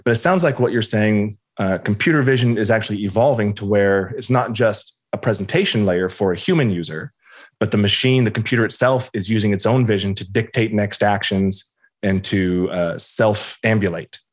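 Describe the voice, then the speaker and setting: A man's voice: on the low side, normal speed. A man hosting an interview, asking follow-up questions and joking casually. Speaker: podcast host.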